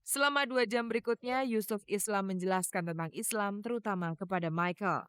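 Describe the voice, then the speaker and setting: A woman narrating a TV feature in a measured, dramatic voice-over. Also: mid-range voice, fairly bright tone, clean tone, no room sound, clean studio sound. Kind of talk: scripted TV narration.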